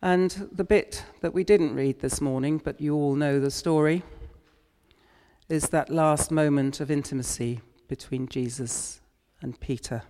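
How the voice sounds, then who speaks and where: A male preacher delivers a sermon in a slow, deliberate cadence, reflecting on scripture as he goes. His voice rings out with a long church reverb. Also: a little high, warm tone. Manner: unhurried, reflective retelling of scripture.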